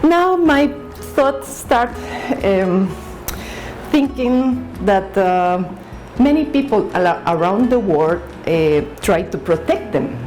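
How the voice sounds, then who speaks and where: A Salvadoran woman artist speaks Spanish-accented English slowly in her studio, explaining her paintings. Her pitch rises and falls a great deal, and she hesitates often, with many fillers and restarts. Faint music plays behind her. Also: very animated, darkish tone, rough recording.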